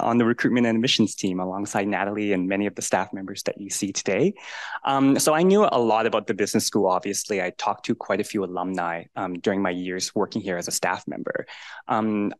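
Low-voiced man on a panel. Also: no echo. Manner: relaxed, with many fillers. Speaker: alumni panelist. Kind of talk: answering on a live panel. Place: large university lecture hall.

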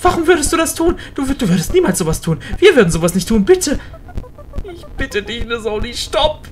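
A woman's voice: on the high side, sing-song, a little fast, slight background noise, pitched above the performer's own voice. A woman reading out the lines of a clingy, possessive boy buddy from a game as he pleads with the player. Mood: frantic pleading. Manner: pleading, rising to frantic begging.

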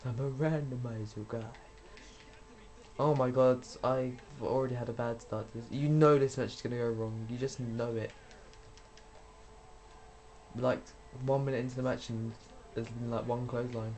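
A man's voice: mid-range voice, steady tone, moderate pace, long pauses, darkish tone. A young man giving rambling, casual commentary while playing a video game, swearing when things go wrong. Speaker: gaming YouTuber.

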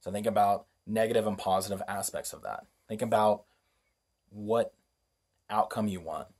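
A man hosting a spoken lesson on language and spellcraft, unhurried and reflective, often asking rhetorical questions. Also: fairly low pitch, darkish tone, breathy edge. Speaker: host.

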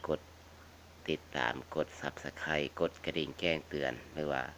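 A man's voice: very deep voice, fairly even intonation, unhurried, fairly bright tone, a little hiss or hum. A man with a northeastern Thai Isan accent chatting casually and repetitively to viewers as a folksy vlog host, addressing them like family. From northeastern Thailand (Isan). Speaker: video channel host. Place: outdoors around a house.

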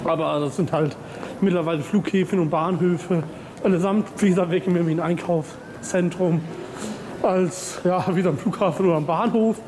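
A young man with a high voice chats loosely to his camera, pausing often and filling gaps with "ähm". He is recorded at arm's length in a big indoor terminal, with a steady wash of crowd and hall noise behind him. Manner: chatty, rambling with fillers and pauses. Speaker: vlogger. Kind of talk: casual travel vlog chat. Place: large indoor airport terminal. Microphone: handheld camera at arm's length. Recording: noisy terminal background.

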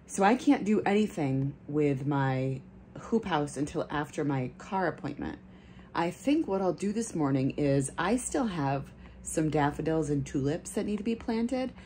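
A woman in her thirties, a flower farmer vlogger, narrates casually into a handheld phone while working outdoors on her farm in cold weather, partly from a car. Her low, expressive voice is warm and measured, and she chats, thinks aloud and corrects herself in asides; there's a little hiss or hum.

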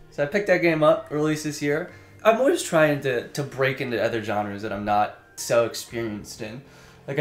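A man's voice: mid-range voice, reverberant. A man co-hosting a podcast, chatting casually about video games and laughing often. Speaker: podcast co-host.

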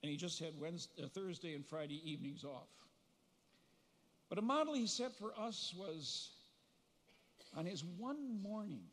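An older man stands at a podium microphone giving a eulogy for his brother. His voice sits a little high for a man, and he tells family anecdotes with gentle humor, pausing now and then to recall details. Long reverb from the large funeral hall trails behind each phrase. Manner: reminiscing storyteller, gentle humor, pauses to recall.

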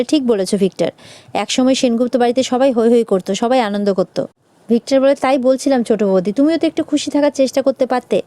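A woman recaps a TV serial at a brisk clip, reading the characters' lines aloud. Her voice sits a little high and jumps higher for quoted lines. The recording is dry and close, with no room sound. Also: dark tone, no room sound. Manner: rapid retelling, briefly shifts pitch for quoted characters. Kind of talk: fast casual episode recap, reading out dialogue.

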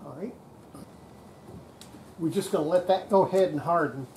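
Noisy, click-filled camera audio captures an older radio repairer restoring a set at an indoor workbench. He talks casually and folksily as he works, his medium-pitched, darkish voice moving at a moderate pace.

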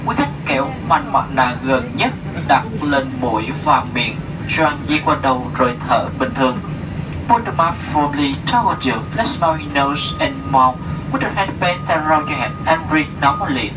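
A man's voice: fairly high pitch, normal speed. Vietnamese man's flight safety demo over noisy cabin PA. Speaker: flight attendant making cabin announcement. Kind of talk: flight safety demo announcement, scripted and bilingual. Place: inside an airliner cabin. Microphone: cabin PA picked up by distant camera. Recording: noisy aircraft cabin PA, distant. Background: loud aircraft ambience.

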